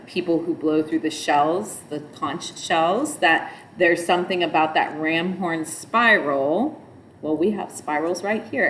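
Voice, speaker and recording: A middle-aged woman with a nasal, slightly low voice gives spoken yoga instruction, explaining at a loose, meandering pace that trails into asides. Between explanations she chants mantras in a nasal sung tone, with a faint hiss under the recording.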